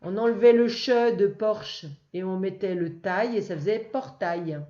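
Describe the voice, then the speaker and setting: Patient woman teacher, mellow voice. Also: medium pitch, reverberant, muffled recording. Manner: patient, slow and clear, addressing one child. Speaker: first-grade teacher. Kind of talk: recorded lesson for a young child.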